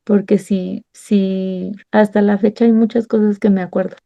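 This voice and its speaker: A woman's voice: mid-range voice, level tone, normal speed, creaky. A woman with a Mexican accent leading a Bible study, sharing a heartfelt personal testimony and acting out remembered conversations. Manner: warm, storytelling, acts out remembered dialogue.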